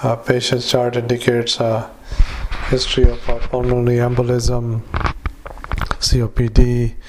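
A male clinician dictating clinical notes into a dictaphone recorder, halting with many filler sounds. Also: mid-range voice, completely flat delivery, background noise. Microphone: handheld dictation recorder.

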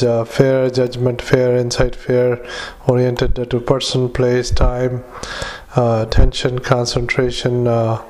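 Man dictating medical notes in an even tone. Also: mid-range voice. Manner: halting, filler-heavy delivery with clipped list-like phrases. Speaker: clinician dictating patient notes. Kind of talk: medical dictation with spoken punctuation.

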